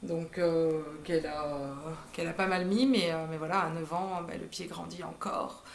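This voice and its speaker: A woman's voice: fairly low pitch, fairly even intonation, normal speed, gravelly, slight background noise. A woman in her thirties chatting casually about her knitting projects, hesitant and full of fillers. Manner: hesitant, lots of "euh" fillers. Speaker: knitting vlogger. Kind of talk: casual show-and-tell chat. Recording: echoey room.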